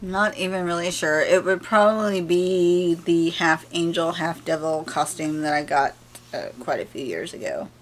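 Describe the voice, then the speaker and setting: A woman's voice: on the low side, moderate pace, a little hiss or hum. A woman vlogger in casual, playful chat who often breaks into giggles while reading out survey questions.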